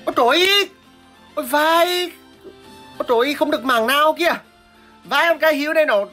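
A woman with a medium-pitched, slightly bright voice streams gameplay live. She explains her strategy as she plays, crying out and repeating words when fights break out.

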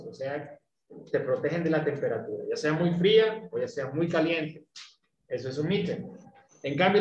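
A man teaching English in an online class, explaining patiently and often checking understanding with quick questions. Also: a little high, lo-fi sound. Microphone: video call. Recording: roomy echo, faint background noise.

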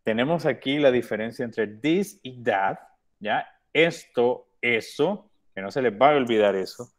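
A man's voice: medium pitch, expressive, measured pace. Man teaching English to young children. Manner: patient, repeats words often. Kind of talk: online class instruction.

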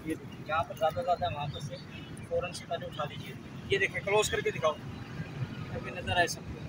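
An angler with a Pakistani accent narrates an informal fishing how-to vlog in a high, steady, fairly quick voice, explaining emphatically and often repeating phrases. He's filmed on a phone camera some distance away, with clear background noise, first in an outdoor park and then at another spot after leaving it.

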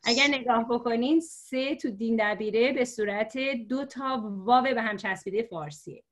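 A woman teacher telling a story to explain letters, patient and slow, with many fillers. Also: fairly high pitch. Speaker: religious script teacher. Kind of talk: storytelling lesson for learners.

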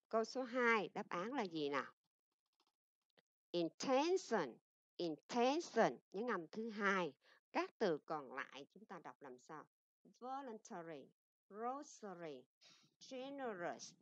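A woman English teacher with a Vietnamese accent giving a recorded lesson, explaining in Vietnamese and reading English example sentences slowly and carefully. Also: fairly low pitch, no room sound. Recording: dull lo-fi dry recording.

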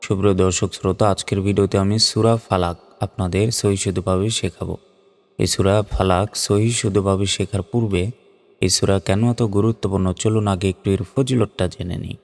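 A man teaching Quran pronunciation, spelling out letters and vowel marks, then reciting the Arabic slowly and drawn out. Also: deep voice, fairly even intonation, creaky. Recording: long hall reverb.

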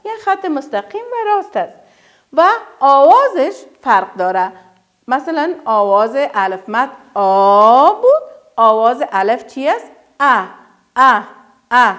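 A high, lively woman teacher with an Afghan Dari accent runs a first-grade reading lesson at primary school. Frequent praise accompanies her drawn-out, emphatic modelling of words for the children to repeat, and she poses quick questions only to answer them herself.

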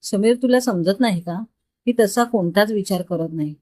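A woman's voice: mid-range voice, normal speed, a little mellow, no echo, lightly acted. A woman reading a stern young male boss. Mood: defensive. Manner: curt, scolding.

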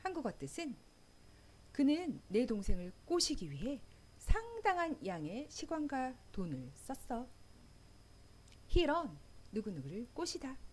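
A woman teaching English vocabulary, reading example sentences slowly and clearly. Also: high-pitched, huge pitch swings, darkish tone, slight background noise. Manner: slow, carefully enunciated example sentences. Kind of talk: language lesson. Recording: faint background music.

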